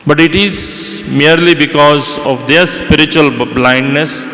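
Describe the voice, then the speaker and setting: Priest preaching with cathedral echo. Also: male voice, fairly high pitch, pushed and bright. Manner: measured, with occasional restarts. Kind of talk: gospel reading and homily. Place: large church. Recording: long echoey church reverb.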